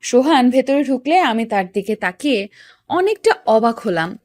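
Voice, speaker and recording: Young wife narrator voiced by a woman, earnest, high-pitched, dry, audio story. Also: big pitch swings, moderate pace, a little mellow, no echo. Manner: earnest, questioning. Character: young wife, hurt and puzzled.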